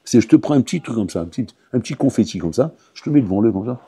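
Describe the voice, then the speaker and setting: A man, a rabbi, teaching a lively Torah class to yeshiva students. He talks to them directly and acts out little dialogues. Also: mid-range voice, very fast, breathy edge, dry recording. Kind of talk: animated Torah lesson. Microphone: audio recording of a class.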